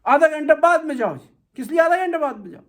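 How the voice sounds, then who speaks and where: A man's voice: very high voice, lively intonation. A male Shia cleric giving a conversational religious talk, lecturing through anecdotes and rhetorical questions.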